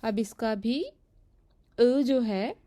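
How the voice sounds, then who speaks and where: A woman's voice: fairly high pitch, expressive, drawn-out words, mellow. A woman teaching a language lesson, explaining pronunciation patiently and step by step.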